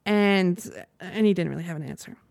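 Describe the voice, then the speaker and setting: A woman's voice: lowish voice, fairly quick, creaky, a little mellow, no echo, clean studio sound. A young woman hosting a casual podcast, telling a story in a chatty, rambling way with frequent laughs. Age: young adult. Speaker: podcast host. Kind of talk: casual monologue.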